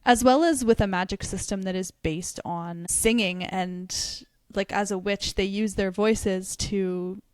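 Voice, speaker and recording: A woman's voice: medium pitch, fairly even intonation, a little slow, hardly any pauses, darkish tone, smooth, no echo, clean studio sound. A young woman co-hosting a book podcast, chatting casually and animatedly, laughing often. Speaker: podcast co-host. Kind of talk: casual book review chat.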